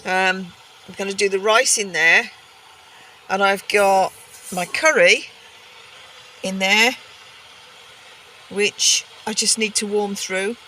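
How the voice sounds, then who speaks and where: A woman's voice: medium pitch, fairly even intonation, takes it slowly, pauses often, sharp tone, a little hiss or hum. Chatty woman cooking in a tent. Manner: chatty, thinking aloud as she cooks. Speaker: camping cooking vlogger. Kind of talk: casual cooking chat to camera. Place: inside a heated stove tent.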